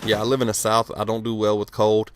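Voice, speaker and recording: Standing outdoors outside his house, a cold gaming commentator in his late twenties talks fast in a fairly low monotone, a bit stuttery from the chill. His commentary is casual and rambling, with free swearing, lots of fillers, and slight background noise.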